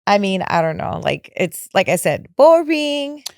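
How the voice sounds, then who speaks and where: Woman, mid pitch, laid-back hesitant chatter, lots of fillers, dry close mic. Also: very animated, unhurried, vocal fry, no echo. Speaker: podcast co-host. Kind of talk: casual chat.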